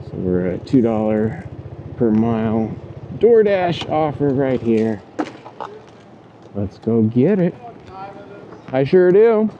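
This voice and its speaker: Rambling man vlogging on a scooter, loud road noise. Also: medium pitch, big pitch swings, takes it slowly, pauses often. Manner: rambling, thinking aloud while riding a scooter. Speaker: delivery rider hosting his own video channel. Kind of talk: casual vlog chat while working. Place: outdoors on a scooter on streets. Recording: dull audio, loud outdoor road noise.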